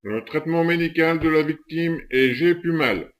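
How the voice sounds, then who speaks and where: A man demonstrating a radio message and spelling it out deliberately, letter by letter. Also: on the high side.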